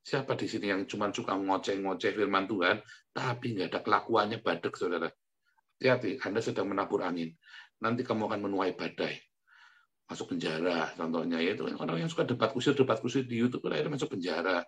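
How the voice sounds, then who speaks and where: A man preaching a sermon in an easy, conversational way, as if chatting with the congregation and often turning to address them directly. He laughs at himself as he goes. His quiet asides give way to sudden loud outbursts. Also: on the low side, quick pace. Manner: self-mocking, laughs as he talks. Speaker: pastor.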